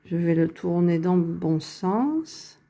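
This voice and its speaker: Woman, casual crafting vlogger, slow and mellow, low-ish voice, very close to the phone mic. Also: lively intonation, vocal fry. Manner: unhurried, thinking aloud while working, self-correcting. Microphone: phone held very close to the face.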